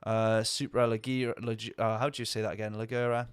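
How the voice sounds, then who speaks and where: A man's voice: on the low side, level tone, brisk, smooth, no room sound. A man talking casually over a racing game stream, rambling and answering viewer chat. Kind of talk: casual gameplay commentary.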